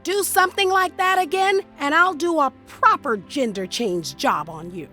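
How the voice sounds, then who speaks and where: Militant young heroine, video game, shrill, animated, brash, combative. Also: female voice, moderate pace, faint music behind. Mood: threatening.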